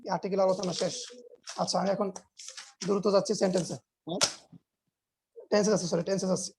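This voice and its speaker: A man's voice: sits high, little pitch movement, quick pace, vocal fry, background noise. A man teaching English grammar in an online class, explaining patiently, repeating his points, quizzing students and mixing English words into his talk.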